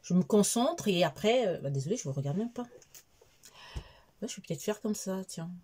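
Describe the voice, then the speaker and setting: Husky chatty woman in her forties. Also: medium pitch, lively intonation, brisk, warm tone. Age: 40s. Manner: chatty, rambling, with many fillers. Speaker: vlogger. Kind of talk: casual confiding diary vlog.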